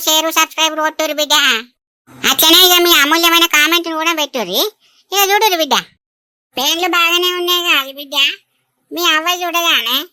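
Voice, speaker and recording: A woman voicing a fussy, doting old village grandmother in an animated comedy, coaxing and full of endearments. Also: very high-pitched, no echo, clean studio sound, exaggerated voice. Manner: coaxing, clucks endearments over and over.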